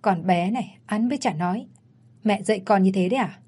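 A woman's voice: mid-range voice, fairly quick, mellow, husky, natural voice. A woman reading a stern middle-aged mother. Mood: scolding.

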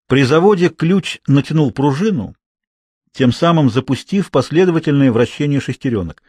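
A man narrating a children's audiobook in an expressive storytelling manner. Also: fairly high pitch, normal speed, slightly rough, dry recording, studio quality.

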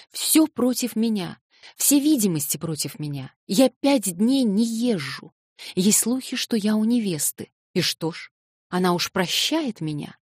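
A woman reading an audiobook and voicing an eager, flustered young man who excitedly protests his innocence. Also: mid-range voice, husky, dry recording, studio quality, voice pushed up.

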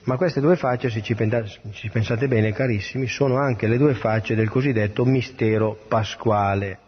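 A man's voice: mid-range voice, fairly even intonation, normal speed, slightly rough. A man, a priest, reading the gospel and giving an earnest homily in a plain manner, with small restarts. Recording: dull lo-fi radio broadcast.

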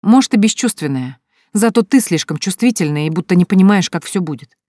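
A woman voicing a sharp-tongued, practical young woman who teases and lectures her friend. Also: lowish voice, expressive, a little fast, no echo, clean studio sound, voice pushed up. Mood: lecturing. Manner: teasing, coolly lecturing.

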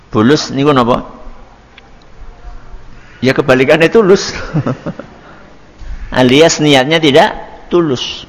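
A male preacher giving a religious study lecture, slow and deliberate, often posing rhetorical questions. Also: medium pitch. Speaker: Islamic preacher. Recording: long hall reverb.

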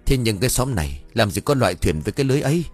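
A man voicing a worried village bystander who reasons in a brisk, fretful way, in a spoken ghost story. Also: mid-range voice, very animated, husky, faint music behind.

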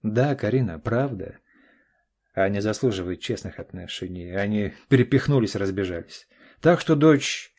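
A self-assured middle-aged father who speaks in short, firm phrases, played by an audiobook reader. The voice stays dark and husky. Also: fairly low pitch, expressive, normal speed. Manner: curt and clipped. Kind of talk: audiobook character voice.

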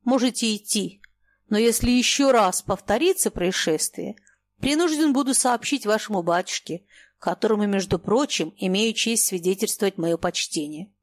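A woman's voice: mid-range voice, normal speed, dry recording, natural voice. Woman playing a pompous little old captain. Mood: stern. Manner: stiffly formal, fussy. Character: small thin old retired captain, pompous.

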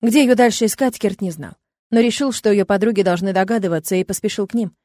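A woman narrating a fantasy audiobook in a steady, even reading voice. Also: medium pitch, fast talker, no echo. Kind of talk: scripted narration.

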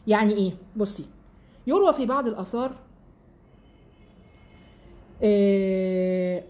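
A woman in her forties with an Egyptian accent, giving chatty, animated religious and family advice on a live stream. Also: mid-range voice. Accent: Egyptian Arabic. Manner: chatty, animated, addresses listeners as sisters. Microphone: live-stream mic.

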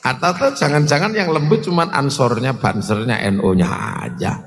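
A male preacher, telling stories dramatically and swinging between shouts and low asides. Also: animated, normal speed, vocal fry, crowd noise. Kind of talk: humorous sermon storytelling. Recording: long hall reverb.

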